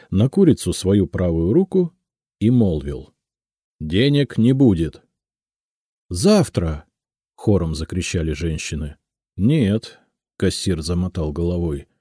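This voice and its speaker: Deep, expressive male audiobook narrator. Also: dry recording, clean studio sound. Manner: theatrical, lively storytelling. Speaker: audiobook reader.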